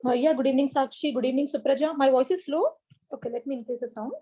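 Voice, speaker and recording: This Indian English-accented woman speaks rapid-fire in a high, mellow, husky voice with fairly even intonation. As an online exam coach on a live video call, she greets students by name, encourages them, and goes over key points again. Her mic is a laptop or headset one.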